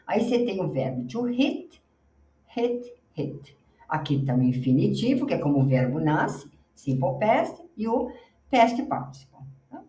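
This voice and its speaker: A Brazilian woman teaching English on slides. She explains in Portuguese, models pronunciation slowly and keeps checking in with the class. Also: on the low side, very animated, dark tone. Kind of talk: slide-based language lesson. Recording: roomy, slightly distant mic.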